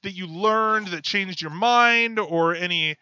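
A man hosts a casual podcast and tells stories in a light, chatty way, often laughing. His voice sits a bit high and sounds bright. The audio is dull, lo-fi and dry. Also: takes it slowly, slight background noise. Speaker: podcast host.

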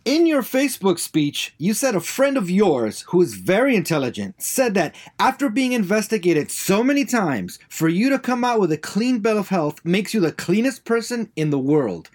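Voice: mid-range voice, very animated, moderate pace, hardly any pauses, darkish tone. A performer voicing a persistent, confrontational male reporter from Spanish-language television in a comedy press conference.

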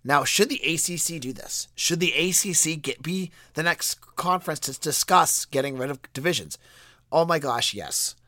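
A man hosts a sports podcast with a stuffed-up nose and a cold. His fairly high voice cracks and squeaks slightly as he gives emphatic, conversational opinions. The sound is close and dry. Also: animated, normal speed, sharp tone, no room sound. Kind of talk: solo sports podcast commentary.

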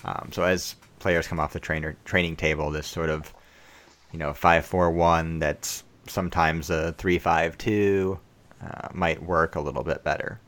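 A man with a notably low voice co-hosts a casual football podcast. He talks through tactics in a measured, analytical way, weighing each point before moving on. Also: fairly even intonation, fairly bright tone. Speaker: podcast co-host.

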